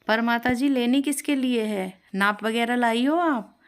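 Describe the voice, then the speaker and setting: A woman's voice: on the high side, a little slow, lightly acted. A woman voicing an amused young male sandal seller who speaks politely but with surprise. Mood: surprised.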